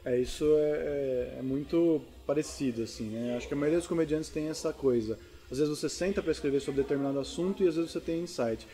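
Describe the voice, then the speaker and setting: A man's voice: on the high side, a little fast, few pauses, dark tone. A man with a Brazilian accent, a stand-up comedian, talking casually and reflectively in an interview.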